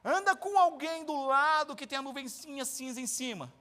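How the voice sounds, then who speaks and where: A male pastor with a Brazilian Portuguese accent delivers a lively, joking sermon and acts out everyday scenes. His voice is very high and bright. It carries a long reverb from the church hall. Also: moderate pace.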